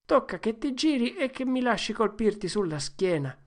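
Bossy make-believe outlaw boy, loud and high, a woman reads him. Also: very animated, normal speed. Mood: bold, theatrical. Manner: high-pitched, loud, theatrical declaiming.

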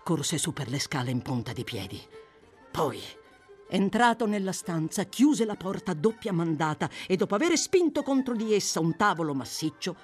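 Brief: female audiobook narrator, dramatic expressive reading, animated pitch.

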